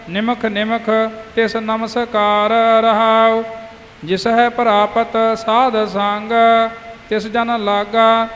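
A man singing devotional hymns in a slow, steady recitation. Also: high-pitched, big-room sound. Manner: slow sung recitation of scripture. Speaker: kirtan singer. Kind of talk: devotional hymn chanting.

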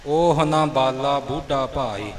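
A man teaches a congregation how scripture should be recited, speaking slowly and deliberately. His voice carries a long hall echo over a faint hiss. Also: mid-range voice. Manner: measured, explanatory, addresses the congregation.

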